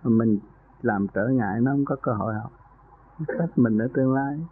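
A male spiritual teacher counsels a caller in an earnest, folksy manner, with his voice climbing when he stresses a point. His voice sits at an average pitch. The sound is squeezed into a narrow, phone-like radio band. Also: normal speed, breathy edge. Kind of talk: meditation teaching in a radio call-in.

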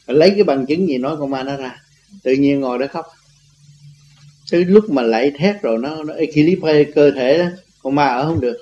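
Rambling man teaching, mellow voice. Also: on the high side, brisk, slight background noise, poor audio. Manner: rambling, repetitive, laughs often. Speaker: spiritual teacher. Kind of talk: informal religious teaching talk.

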